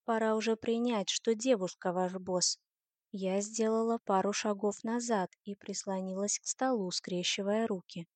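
A woman reads a first-person novel aloud in a mid-pitched voice, with even, expressive storytelling. The recording is dry and close, with no room echo. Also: normal speed. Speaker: audiobook narrator.

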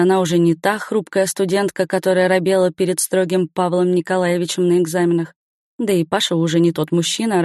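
A woman narrating a story aloud in an even, matter-of-fact reading. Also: lowish voice, dry recording, clean studio sound. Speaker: audiobook narrator. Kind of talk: scripted narration.

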